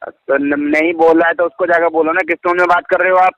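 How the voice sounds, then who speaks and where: A man's voice: on the high side, fairly even intonation, brisk, a crowd in the background. A man recovery agent on a recorded phone call, insulting and abusive.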